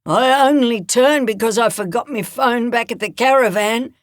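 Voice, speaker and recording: A woman's voice: fairly high pitch, normal speed, dry recording, clean studio sound, voice pushed up, lightly acted. A woman voicing an old male biker who is placating and evasive.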